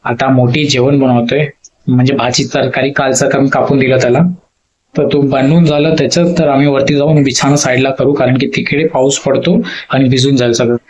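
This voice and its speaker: A man's voice: medium pitch, little pitch movement, brisk, a little mellow. A man talking in a casual vlog, rambling and emotional as he opens up about his feelings. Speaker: vlogger. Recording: slightly dull lo-fi audio.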